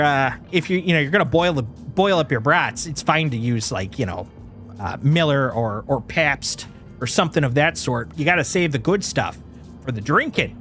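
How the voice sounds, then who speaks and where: This man streams games from Wisconsin, his fairly high, a little nasal voice carrying a played-up Upper Midwest accent. The live-stream chat is casual and animated, full of laughter, jokes, and exaggerated folksy exclamations.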